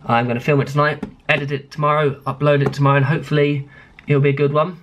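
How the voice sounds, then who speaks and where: A man's voice: a little high, little pitch movement, fast, dull audio, slight background noise. Young British man talking with retainers in. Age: young adult. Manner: talking with retainers in, slightly impeded speech. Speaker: vlogger. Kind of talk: casual vlog chat. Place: small bedroom. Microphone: handheld camera at arm's length.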